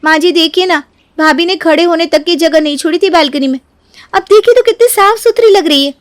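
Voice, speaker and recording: A woman voicing a sharp-tongued young daughter-in-law who argues defiantly in a family storybook quarrel. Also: very high voice, a little fast, pitched above the performer's own voice. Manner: defiant, argumentative. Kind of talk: storybook character acting.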